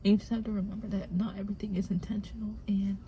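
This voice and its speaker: A young adult woman records a candid vlog in her parked car. Her voice is deep-toned and mellow, with an even middle pitch. She talks in loose, slangy sentences and often lowers her voice to a near whisper. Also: very fast, slight background noise. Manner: casual slangy talk with hushed, half-whispered asides. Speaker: vlogger. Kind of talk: candid personal vlog talk.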